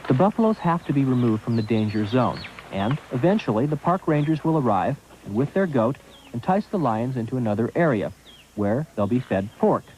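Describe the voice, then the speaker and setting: A man narrates a wildlife documentary with a lively, rising-and-falling voice. His delivery is measured and explanatory. Faint hiss runs under him, as on a worn VHS tape copy. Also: medium pitch, rough recording.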